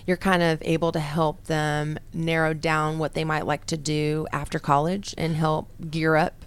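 A woman's voice: low voice, flat delivery, moderate pace, clear, resonant tone. A woman interviewer asking questions and affirming her guest in a conversational style.

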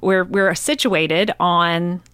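A woman's voice: lowish voice, slow pace, a bit bright, smooth, no echo. A woman speaking as a radio interview guest, upbeat and enthusiastic, with a few fillers. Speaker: nature center president.

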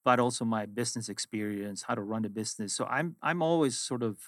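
As a guest in a casual interview chat, a middle-aged Swedish finance executive, a native Swedish speaker with a Swedish accent, reflects on his work through storytelling. He speaks at a quick pace in a mid-range voice, recorded dry with clean studio sound.

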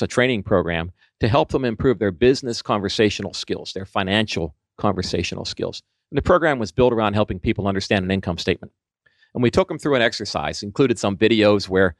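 Casting: middle-aged man, low voice, quick delivery, dry close sound, storytelling in an interview. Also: no echo. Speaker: training consultant. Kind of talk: conversational interview.

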